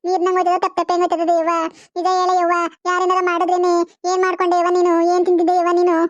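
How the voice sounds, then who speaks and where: A woman's voice: extremely high pitch, monotone, rapid-fire, dry recording, highs cut off. A woman voicing a grown village daughter who wails in a sing-song lament in a cartoon. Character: wailing grown daughter at hospital bed. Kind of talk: cartoon voice acting.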